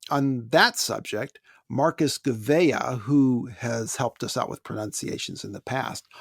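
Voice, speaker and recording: A man's voice: mid-range voice, gravelly, dry recording. Male American podcast co-host, casual chat, dry close-miked sound, wry asides between read-out emails. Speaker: podcast co-host reading listener mail. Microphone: close podcast microphone.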